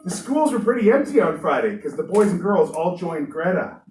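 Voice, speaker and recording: A woman teacher telling a lively story to children in a classroom, playing up the characters' voices. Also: lowish voice, moderate pace. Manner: lively, animated, playful voices. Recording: roomy room, distant mic, faint noise.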